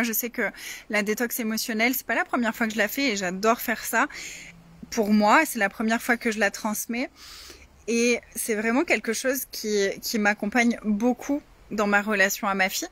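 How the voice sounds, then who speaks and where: Higher-pitched woman in an echoing space. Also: fairly bright tone. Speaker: coach hosting a live session. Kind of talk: casual livestream talk to followers.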